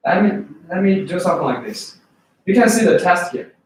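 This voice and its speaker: Heard from far off in an echoey room, this high-pitched man speaks a little fast. He's from China, has a Chinese accent, and leads an English test class as a classroom lecture, staying lively and frequently questioning and checking in with his students.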